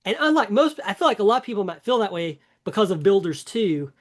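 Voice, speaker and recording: Man, podcast co-host, casual chat, rambling, enthusiastic, somewhat high pitch. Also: big pitch swings, fast. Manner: rambling, enthusiastic, many fillers and restarts.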